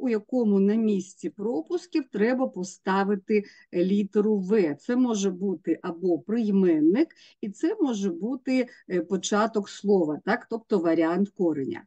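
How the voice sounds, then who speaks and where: Female teacher, mid-pitched and warm, patient step-by-step exam explainer. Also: dull audio. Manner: explains step by step, spells out letters and sounds. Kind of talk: exam prep lesson.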